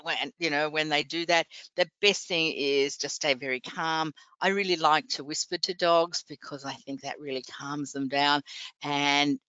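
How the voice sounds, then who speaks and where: A woman's voice: deep voice, fairly even intonation, a little slow, pushed and bright, smooth, no echo. A woman veterinarian answering webinar questions in a chatty, encouraging, practical way over a video call. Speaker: veterinarian presenter. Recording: dull lo-fi web call audio.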